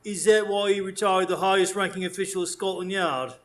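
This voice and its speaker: A man acts out a cocky police inspector in a radio drama. He sneers bluntly and sarcastically in a fairly high male voice. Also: steady tone, fairly quick, close to an everyday voice. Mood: scornful. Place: small theatre stage, recorded live in front of an audience.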